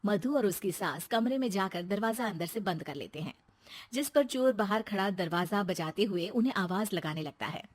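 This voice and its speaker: A woman's voice: medium pitch, lively intonation, normal speed. A woman narrating a scripted children's story in the present tense.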